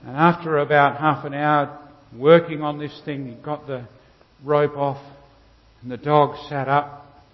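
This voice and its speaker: A man's voice: fairly high pitch, fairly even intonation, measured pace. A man with an Australian accent, a pastor giving a sermon in a conversational, storytelling manner and asking the congregation questions. His voice rings with a cathedral-like echo. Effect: cathedral-like echo, long church reverb. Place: large church. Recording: dull recording with long hall reverb.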